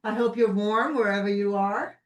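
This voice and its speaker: A woman with a Brooklyn accent hosts a casual conversation. She sounds a bit far from the microphone, in a room with clear echo. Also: mid-range voice, moderate pace. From Brooklyn, New York. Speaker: podcast host. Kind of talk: casual chat. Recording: roomy echo, distant from mic.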